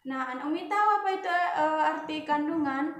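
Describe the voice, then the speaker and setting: High-voiced woman teacher in echoey room. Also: brisk. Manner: motherly, addresses the children as "Nak"; many fillers and self-corrections. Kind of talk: online class lesson.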